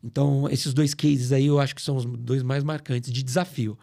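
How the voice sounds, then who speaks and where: A middle-aged man from Brazil, a guest on a podcast, explaining things in an animated, storytelling way in a studio. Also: mid-range voice, normal speed, creaky. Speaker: guest, acoustics company CEO. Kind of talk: casual podcast interview.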